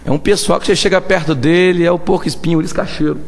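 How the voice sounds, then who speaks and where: A Brazilian Portuguese-accented man preaches a Pentecostal sermon with a high, gravelly voice. He is emphatic, keeps asking the congregation questions and suddenly rises into shouts. His voice rings with long reverb through a church hall. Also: steady tone, racing. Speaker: evangelist preacher.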